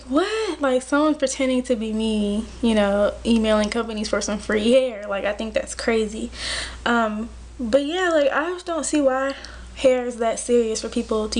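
A beauty vlogger in her twenties chats casually with viewers while doing her makeup in her bedroom, sprinkling in lots of "like" and "you know." Her voice sits on the high side, picked up at close range by the camera's built-in mic with slight background noise.

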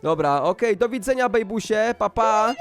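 A man hosting a Minecraft role-play video, talking excitedly to viewers and exclaiming often, with faint music behind. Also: sits high, moderate pace. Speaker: gaming YouTuber.

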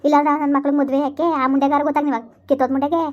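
A woman playing a loud, bitter village woman in a comedy skit, scolding and wailing. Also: sits high, little pitch movement, racing, lo-fi sound, close to an everyday voice. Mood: quarrelsome. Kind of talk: rural comedy skit acting.

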